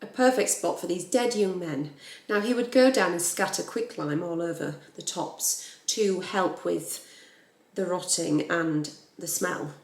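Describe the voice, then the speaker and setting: A woman telling a true crime story in a blunt, animated, casual way, swearing freely. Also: on the low side, unhurried. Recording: roomy echo.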